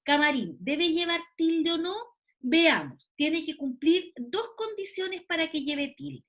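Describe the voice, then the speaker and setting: A woman's voice: sits high, animated, takes it slowly, a bit bright. A middle-aged woman giving a recorded online lecture, explaining step by step and often checking with her listeners. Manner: explanatory, with frequent checking tags. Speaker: university lecturer.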